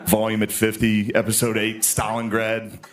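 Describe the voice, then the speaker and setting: A man in his thirties doing stand-up comedy, loose and conversational with deadpan asides, on a stage before a live audience. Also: fairly low pitch, normal speed. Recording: live show with audience noise. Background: audience laughter.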